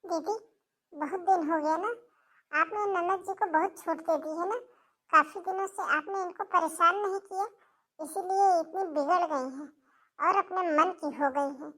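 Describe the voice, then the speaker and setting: A woman's voice: very high voice, a little slow, sharp tone, exaggerated voice. A woman voicing a spiteful, scheming sister-in-law. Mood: taunting. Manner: taunting, spiteful. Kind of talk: cartoon voice acting.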